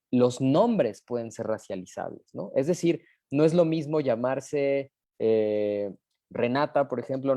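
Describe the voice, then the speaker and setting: A man's voice: medium pitch, dark tone, no echo, studio quality. A man with a Mexican accent explaining an idea in a live online talk, with many fillers and rhetorical questions. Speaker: panelist.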